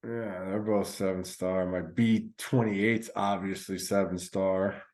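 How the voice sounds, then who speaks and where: Man, podcast co-host, low-pitched, laid-back, rambling, lots of fillers. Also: fairly even intonation, takes it slowly, darkish tone. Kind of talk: casual chat.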